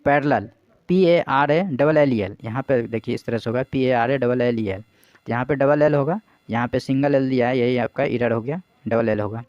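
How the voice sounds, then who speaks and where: A man's voice: medium pitch, normal speed, no echo, muffled recording. A man teaching as an exam coach, explaining English vocabulary in Hindi, asking his own questions, answering them, and spelling words out letter by letter.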